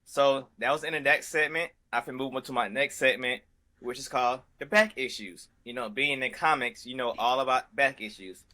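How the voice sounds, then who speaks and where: Chill guy hosting a video call interview, slangy, lots of ums, middle pitch. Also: brisk, pushed and bright. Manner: laid-back, slangy, hesitant with fillers. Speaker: podcast host. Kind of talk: casual interview chat.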